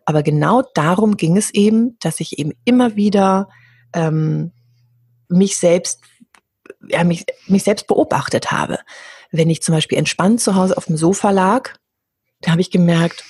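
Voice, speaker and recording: A woman working as a communication coach, speaking in an interview in a lively, frank way and often acting out what other people say. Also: lowish voice, a little slow, husky, no echo, studio quality. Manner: animated, acts out other people's remarks; frank, casual wording. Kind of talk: interview conversation.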